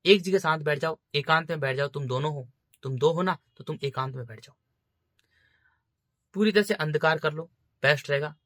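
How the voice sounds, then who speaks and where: A man's voice: a little high, normal speed, pauses often, a bit bright, no echo, studio quality. A man giving informal spiritual preaching, urging his listeners again and again and calling them brothers. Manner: insistent, repetitive exhortation. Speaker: spiritual speaker.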